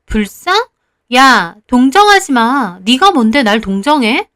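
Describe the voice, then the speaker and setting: This is a brash divorced woman who meets every accusation with rage, as a woman puts her on. Her retorts come out high and shrill, delivered loudly and indignantly, in a story being read aloud. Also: very animated, a little slow, heavily acted. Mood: scornful.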